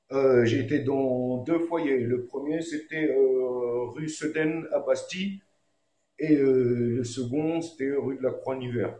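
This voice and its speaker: A man's voice: mid-range voice, dark tone, roomy sound. A man who is a reggae singer and comedian, telling a story in a laid-back, slangy way with frequent fillers. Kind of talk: casual storytelling.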